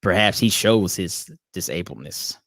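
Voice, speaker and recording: Low-voiced man, reflective and measured. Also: animated, gravelly, a bit bright, dry recording, clean studio sound. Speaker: podcast co-host. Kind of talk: casual discussion podcast.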